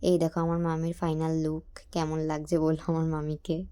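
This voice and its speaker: A young woman from chats straight to her viewers as a casual vlogger. Her voice sits a little low and flat, with a mellow, dark tone. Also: normal speed, clear, resonant tone. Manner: chatty, talks straight to viewers. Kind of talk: casual vlog narration.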